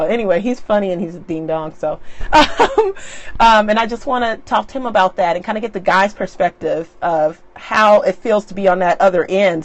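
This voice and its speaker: Chatting into her tablet on a live stream, a middle-aged woman keeps things casual, laughing often and tossing in lively, animated asides. Her voice sits in the mid range, and the tablet mic gives a dry recording.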